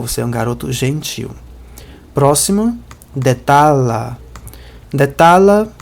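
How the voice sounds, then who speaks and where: A man teaching an Esperanto lesson, reading example sentences slowly and translating them. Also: medium pitch, a little mellow. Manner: explanatory, slow careful pronunciation of example words.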